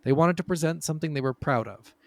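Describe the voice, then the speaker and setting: A gaming podcast host tells video game stories informally and conversationally, swearing freely. His voice is a little high and quick-paced, with no room sound.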